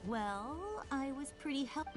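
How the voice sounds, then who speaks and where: A woman's voice: high voice, sing-song, takes it slowly, music in the background, heavily acted. A woman voicing a spirited, cheeky young girl adventurer in a video game.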